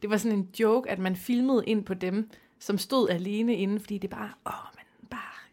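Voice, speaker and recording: A woman co-hosting a podcast, telling stories lively with acted-out quotes in a casual chat. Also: mid-range voice. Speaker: podcast co-host.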